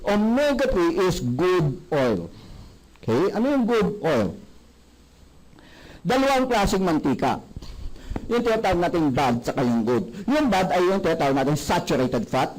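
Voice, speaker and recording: A man giving a sales seminar, animated and often asking the audience questions. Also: sits high, a little slow, long pauses, rough recording. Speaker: product presenter.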